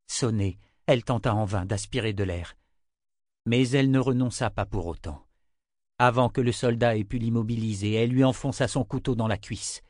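A man narrating a fantasy novel as an audiobook in a steady, measured way. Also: medium pitch, dry recording, clean studio sound.

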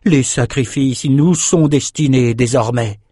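Massive warrior woman, menacing, man putting her on slow drawn-out delivery, dark tone, dry close sound. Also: medium pitch, husky, dry recording, voice pushed up. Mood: ominous. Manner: slow, muttering, ominous. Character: huge shaven-headed female warrior, grim and menacing. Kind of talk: audiobook character voice.

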